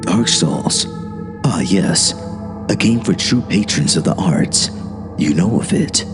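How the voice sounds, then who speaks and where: A man voicing a smug, deliberate male devil who lectures in a monotone, in a horror story reading. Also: low-pitched. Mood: smug lecturing. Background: music.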